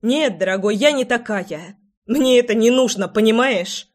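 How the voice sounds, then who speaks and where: A woman's voice: fairly high pitch, normal speed, lightly acted. Cutting, resolute young woman seer, voiced by a woman in an audiobook. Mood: scornful. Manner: cold, cutting.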